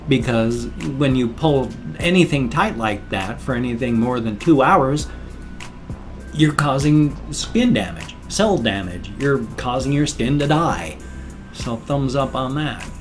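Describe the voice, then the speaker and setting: An older man rambling casually to viewers, apologetic and mildly grumbling, his speech hissing and slightly slurred from loose dentures. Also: medium pitch. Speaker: vlogger.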